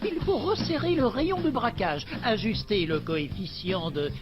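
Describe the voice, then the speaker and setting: Earnest cartoon inventor doc, voice jumps around a lot, music behind. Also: male voice, high voice, huge pitch swings, measured pace, dull audio, heavily acted. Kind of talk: French cartoon dub.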